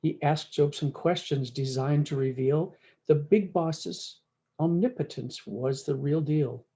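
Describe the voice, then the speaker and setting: Reading a rhyming storybook in cowboy dialect, a woman storyteller stretches out words for emphasis in a folksy way. Her voice is deep and warm, her pace measured.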